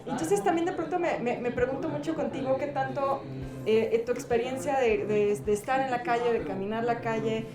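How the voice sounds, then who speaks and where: A woman with a Mexican accent hosting a book presentation, asking questions in a chatty, animated, slangy way. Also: a little high, brisk, reverberant, over music. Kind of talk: casual interview.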